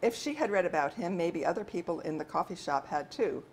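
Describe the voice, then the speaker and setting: At a bookstore event, a woman author reads from her novel in a steady, measured manner. Her voice is on the low side, and a faint room hum can be heard.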